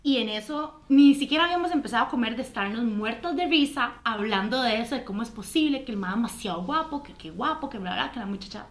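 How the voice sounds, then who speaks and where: A woman from Costa Rica with a Costa Rican accent, telling a story in animated, slangy casual chat. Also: a little high, quick pace, hardly any pauses. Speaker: podcast co-host. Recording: echoey room.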